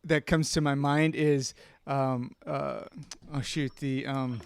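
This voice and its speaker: A man's voice: mid-range voice, steady tone, takes it slowly, gravelly, clear, resonant tone, dry recording. A man chatting casually on a podcast, rambling and searching for words, often breaking into laughs. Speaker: podcast co-host. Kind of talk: casual chat.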